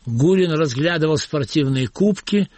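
A man's voice: a little high, expressive, normal speed, a little mellow, no room sound. A man narrating an audiobook in a dry, matter-of-fact way.

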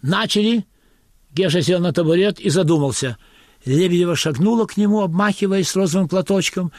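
A man narrating a story in a wry, even manner, as an audiobook reading. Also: high voice, a little fast, no room sound, studio quality.

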